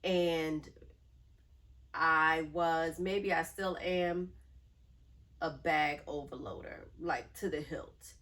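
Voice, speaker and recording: Slow, low-voiced nasal woman vlogger. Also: fairly even intonation, a bit bright. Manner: chatty, drawn-out emphasis, affectionate. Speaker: handbag collection vlogger. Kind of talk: casual chat to camera.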